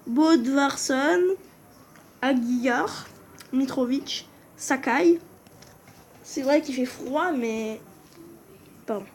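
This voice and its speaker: A woman's voice: high voice, drawn-out words, long pauses, slight background noise. A woman giving casual commentary on a game video, hesitant and often stumbling over and correcting names. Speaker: gaming video creator. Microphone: phone screen recording.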